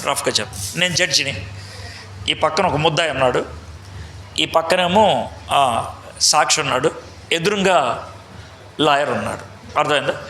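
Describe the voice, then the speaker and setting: Bright-voiced man preaching in an echoey hall. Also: a little high, unhurried, long pauses, slight background noise. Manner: quizzes the audience, mixes English in. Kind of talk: interactive Bible teaching. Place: large meeting hall.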